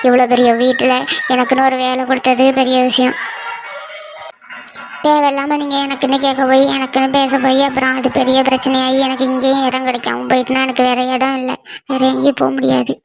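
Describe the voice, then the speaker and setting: A woman's voice: high-pitched, monotone, brisk, vocal fry, music in the background. A woman voicing a timid young housemaid in a cartoon, talking in a fearful, pleading way.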